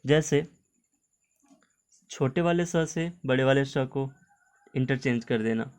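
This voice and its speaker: A man's voice: mid-range voice, slow, a little mellow. A man teaching Hindi pronunciation in an online video lesson. He explains patiently, often checks in with "okay", and mixes English words into his Hindi.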